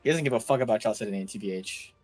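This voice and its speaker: A man's voice: fairly low pitch, very fast, darkish tone, no room sound. A man narrating a tabletop game casually as game master. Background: faint music.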